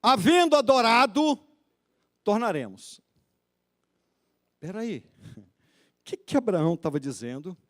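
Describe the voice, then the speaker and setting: A male pastor preaching a sermon, swinging between loud exhortation and quiet, intimate questioning of the congregation. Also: on the high side, big pitch swings, moderate pace, long pauses. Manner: pleading, exhorting.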